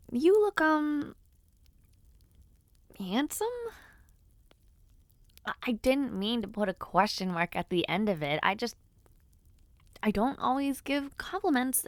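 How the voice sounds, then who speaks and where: A voice actor with a fairly high-pitched voice plays a teasing young noblewoman on the eve of her debut in an audio roleplay, recorded with no room sound. She's playful and mischievous, though she sometimes gets flustered when paying compliments.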